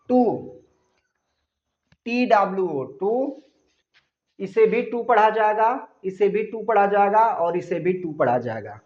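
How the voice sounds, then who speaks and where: Man teaching lesson, spells out words, quizzes children, slow delivery, echoey dull recording. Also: sits high. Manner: spells words letter by letter and repeats key answers; asks the children questions and answers them himself. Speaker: English teacher. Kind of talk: classroom grammar lesson. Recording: echoey room, dull lo-fi sound.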